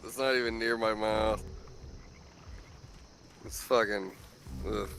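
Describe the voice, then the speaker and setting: A man's voice: fairly low pitch, fairly even intonation, takes it slowly, gravelly, a bit bright. A man with a strangled, congested voice, as if short of breath, chatting casually in terse, sweary grumbles. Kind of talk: casual chat over voice call. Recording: noisy mic picking up breathing and background.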